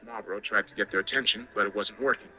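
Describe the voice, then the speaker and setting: A man's voice: fairly low pitch, steady tone, quick pace, pushed and bright, slightly rough, faint music behind. A man narrating a scripted first-person story in a wry, conversational way.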